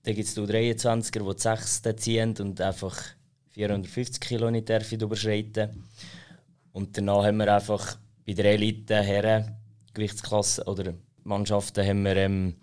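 A man with a Swiss German accent answers interview questions in a low voice with very little melody. He explains things factually and a bit haltingly, like a club official. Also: level tone, a little mellow, smooth. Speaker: sports association president, interview guest.

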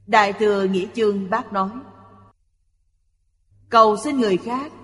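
A speaker reading a Buddhist sutra commentary aloud in a measured, explanatory way. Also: mid-range voice. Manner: slow, even, explanatory delivery. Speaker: reader of a Buddhist lecture. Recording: long hall reverb.

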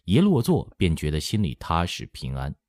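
A man's voice: sits low, moderate pace, dry recording. A man narrating a historical novel as an audiobook, telling the story expressively. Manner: expressive storytelling, acts out quoted lines. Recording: dry close studio sound.

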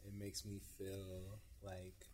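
A man's voice: low voice, monotone, slow, warm tone, slight background noise. A young man co-hosting a podcast in casual chat, answering thoughtfully about how he feels. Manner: jokey, laughs easily, then earnest when reflecting. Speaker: podcast co-host.

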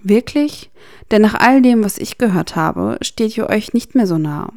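Hotheaded schoolboy wizard, woman reading, sharp, defensive, gravelly tone, dry close recording. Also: mid-range voice, lively intonation, measured pace, dry recording. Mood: defiant. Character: angry teenage boy wizard, defiant and hotheaded.

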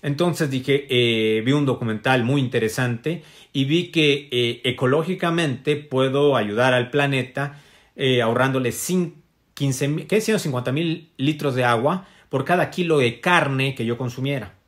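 A man's voice: mid-range voice, unhurried. Reflective man giving a wellness talk. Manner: reflective, many fillers and tag questions. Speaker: motivational speaker. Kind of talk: casual spiritual wellness talk to an audience.

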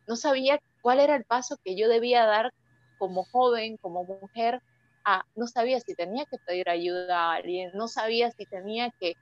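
A young woman, a little high-voiced, gives personal testimony as an interview guest, emotional and halting, restarting often as she hunts for words. The sound is dull and lo-fi, in a dry space with no room sound.

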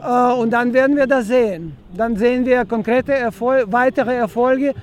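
A man's voice: extremely high pitch, moderate pace. A man from Ukraine with a Ukrainian accent, giving a street interview as a protester outdoors in a city, hesitant and full of filler sounds.

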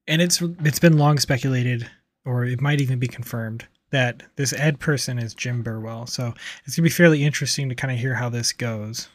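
A man reading a book aloud and breaking off into blunt, profane commentary with animated asides. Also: medium pitch, no echo. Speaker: podcast host reading and commenting.

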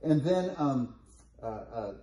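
A man's voice: medium pitch, lively intonation, takes it slowly, dark tone, slight background noise. A man teaching a casual Bible study, talking conversationally with many fillers and restarts while pointing out places on a map.

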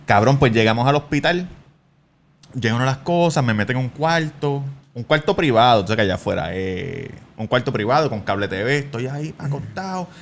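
Animated Puerto Rican man telling a story. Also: mid-range voice, fairly quick, gravelly. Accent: Puerto Rican Spanish. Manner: animated storyteller, acts out quotes, bursts into laughing shouts. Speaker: podcast co-host. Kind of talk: casual storytelling chat.

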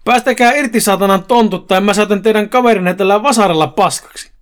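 A man voicing a scared young man who turns loud and defiant in a comic horror story. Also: high-pitched, voice pushed up, natural voice. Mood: defiant shouting. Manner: loud, crude, threatening.

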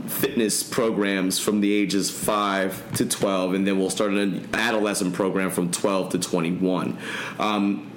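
A low-voiced man answering interview questions in a relaxed, thoughtful way with little pauses. The room is echoey. A faint noise sits underneath. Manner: relaxed, thoughtful, hesitant fillers. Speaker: guest, gym owner.

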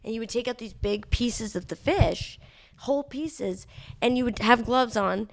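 Creaky-voiced young woman telling stories. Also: a little high, a little slow. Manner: animated, swears freely, lots of "like". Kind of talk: casual storytelling chat.

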